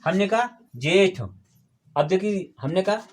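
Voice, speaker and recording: A male teacher with a notably high voice runs a classroom lesson. He keeps firing questions at the class and patiently repeats each key term until it sticks. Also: lively intonation, takes it slowly. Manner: quizzes the class with call-and-response questions. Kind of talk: classroom Hindi grammar lesson. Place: classroom with students.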